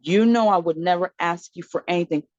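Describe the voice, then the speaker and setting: An animated woman guest telling her own story, jumping into the voices of the people she quotes and laughing along the way. The sound is dull and lo-fi, like remote call audio. The room is dry and close, with no echo. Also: lowish voice, brisk. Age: adult mother of four. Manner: frequent laughter and fillers. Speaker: podcast guest. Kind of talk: personal storytelling in conversation.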